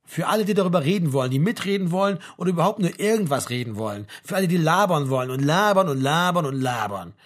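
A man's voice: high-pitched, lively intonation, racing, few pauses. A man doing a scoffing ironic drinker. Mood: mocking. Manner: mocking, ironic. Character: sardonic scoffing male leftist drinker.

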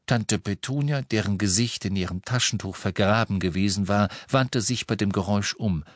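A man narrating a novel as an audiobook in measured, expressive reading. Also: on the low side, dry recording. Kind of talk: scripted narration.

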